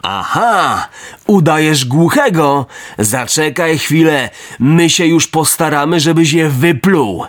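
A man voicing a menacing hooded robber in a storybook reading, speaking slowly and threateningly. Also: fairly high pitch, lively intonation. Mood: mocking. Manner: slow, threatening.

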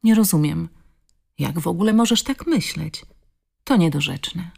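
A loving, bewildered husband in a spoken story, voiced by a woman narrator. He talks earnestly, his pitch climbing as he reassures, over a low gravelly base. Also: lively intonation, unhurried, a little mellow, full character voice. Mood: reassuring.

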